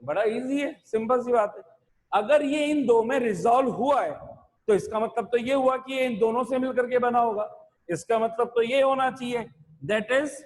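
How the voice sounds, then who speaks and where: A male physics teacher giving a classroom lecture in mixed Hindi and English, asking rhetorical questions and dictating terms slowly with repetition. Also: very high voice. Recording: long hall reverb.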